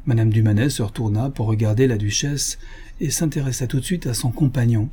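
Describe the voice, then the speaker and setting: A man reads a classic novel aloud, his voice mellow and a little husky. He narrates at an even pace and lifts his pitch slightly whenever a character speaks. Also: brisk. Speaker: audiobook reader. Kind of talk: literary narration.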